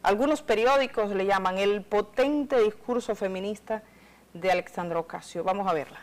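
Lady news host in a studio, chatty, lots of restarts, lapel mic, normal pitch. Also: moderate pace, poor audio. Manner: conversational, thinking aloud with restarts. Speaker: news presenter. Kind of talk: studio commentary.

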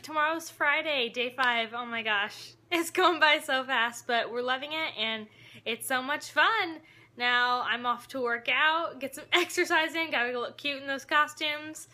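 A woman's voice: on the high side, sharp tone. A young woman in a casual vlog, bubbly and enthusiastic, laughing often as she talks. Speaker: vlogger and ensemble cast member.

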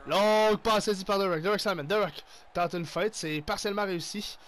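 A young man with a Québécois accent giving excitable play-by-play commentary on his own hockey video game, mixing in English exclamations. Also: sits high, brisk. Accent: Québécois French. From Quebec. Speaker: gaming YouTuber.

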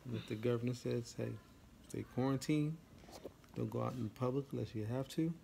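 A man speaking calmly and earnestly at home in a family vlog, a bit off the camera mic. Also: medium pitch, a little fast, vocal fry, slight background noise. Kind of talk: casual vlog chat. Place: at home indoors.

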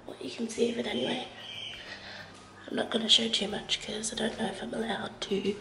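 Indoors in her living room, a young Australian vlogger with a blocked, stuffy nose talks casually to a handheld camera held at arm's length. She speaks fairly quickly in a fairly high, level voice with vocal fry, rambling and hesitant with many fillers, against a noisy background.

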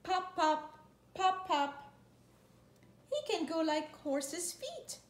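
Her very high-pitched, animated voice drags words out as this woman in her thirties reads a children's picture book aloud, playfully imitating noises along the way. She's on a living room couch indoors, filmed by a camera a few feet away, and the sound is roomy and echoey with faint noise.

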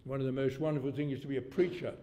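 A man's voice: mid-range voice, fairly even intonation, very fast, mellow. A man in his eighties preaching a sermon in a rambling, folksy way, his volume rising suddenly to make a point. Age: 80s. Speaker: pastor. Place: church hall. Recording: long church reverb.

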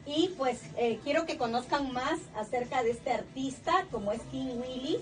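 A middle-aged woman hosting a radio interview in a small studio, warmly greeting listeners and asking questions. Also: high voice, moderate pace. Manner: warm, eager, reads out listener greetings. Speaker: radio show host. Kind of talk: Spanish-language radio interview. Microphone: studio desk mic, recorded from a far camera. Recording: distant mic, faint room noise.

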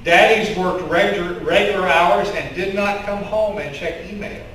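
Speaking at normal speed in a high-pitched, fairly bright voice, a middle-aged Kentucky-accented pastor delivers a sermon, telling stories and gesturing with open hands in a conversational style. He stands before a curtain in the church sanctuary. Captured from the congregation via stand and headset mics, the audio is echoey, distant, and carries a little hiss or hum.

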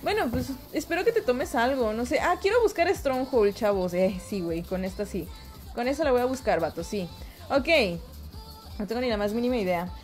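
High-voiced Mexican woman streamer. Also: expressive, moderate pace, darkish tone, faint music behind. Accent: Mexican Spanish. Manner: greets chat viewers by name, chatty and upbeat. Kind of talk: casual live-stream chat.

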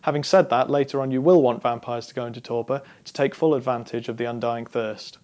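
A young man in his twenties presenting a scripted explainer on card game strategy, talking straight to camera in a measured, instructive way. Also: medium pitch, steady tone, a little mellow. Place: studio against a dark backdrop.

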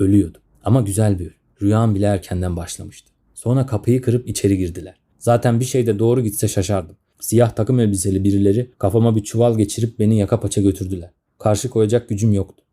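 Fast-talking, sardonic male storyteller. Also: lowish voice, warm tone. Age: 30s. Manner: grumbling, sardonic. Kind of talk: comic story narration.

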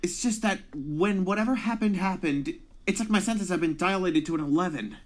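A woman's voice: lowish voice, fairly quick, natural voice. A woman voicing a nervous, earnest teenage boy superhero in an amateur film dub, hesitant and stammering. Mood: defensive.

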